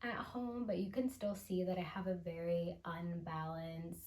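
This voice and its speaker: A woman hosting a casual show-and-tell vlog, chatty and unhurried, with soft laughs and fillers. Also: lowish voice, level tone, roomy sound. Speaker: channel host.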